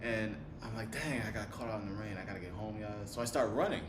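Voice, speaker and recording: American man, quick talker, animated storyteller, echoey room, steady rumbling noise. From United States. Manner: animated storyteller, mimics people, many "like" fillers. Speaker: guest. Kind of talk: casual interview chat. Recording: roomy with rumbling background noise.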